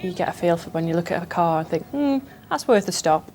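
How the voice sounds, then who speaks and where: A woman's voice: fairly low pitch, lively intonation, brisk, a little mellow. A woman traffic police officer explaining her work in a plain, matter-of-fact interview.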